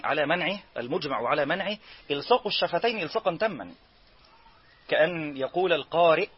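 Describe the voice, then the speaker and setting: Husky Egyptian man teaching recitation. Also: on the high side, lo-fi sound. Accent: Egyptian Arabic. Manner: explains rules, then chants example verses slowly. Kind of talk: tajweed lesson.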